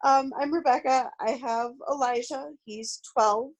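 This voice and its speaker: A woman introducing herself on a parents' video call, apologetic and quick at first. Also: sits high, fairly even intonation, highs cut off. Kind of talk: casual introduction.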